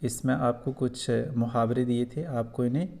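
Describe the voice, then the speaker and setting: A man's voice: medium pitch, steady tone, moderate pace, a little mellow. A man with a Kashmiri accent who teaches a school lesson, explaining answers patiently and repeating points for young students.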